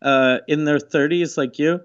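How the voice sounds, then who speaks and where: A man's voice: on the high side, fairly even intonation, unhurried, smooth, dull audio. A man chatting casually on a podcast, blunt and profane. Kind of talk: casual chat.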